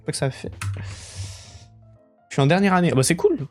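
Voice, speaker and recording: A young man chatting casually with his viewers while he plays a game, swearing easily and breaking into excited outbursts. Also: a little high, a little fast, soft background music. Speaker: streamer. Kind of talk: casual live-stream commentary while gaming.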